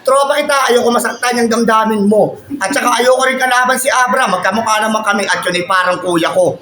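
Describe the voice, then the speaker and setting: A battle rapper delivering taunting verses and shouting out the punchlines. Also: mid-range voice, fairly quick, reverberant. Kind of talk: battle rap performance.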